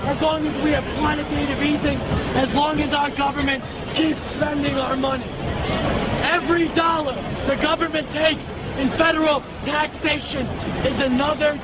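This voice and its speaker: High-pitched American man in an agitated street rant. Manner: agitated, indignant, shouting in short repeated slogans. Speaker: street protester giving a speech. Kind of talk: impassioned political rant at an outdoor protest. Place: outdoors on a city street among a crowd. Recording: noisy outdoor street with loud crowd and traffic.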